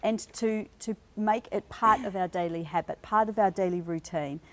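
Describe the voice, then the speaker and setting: A woman's voice: mid-range voice, moderate pace. Earnest woman explaining as an interview guest. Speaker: guest parent and reading advocate. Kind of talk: studio interview talk.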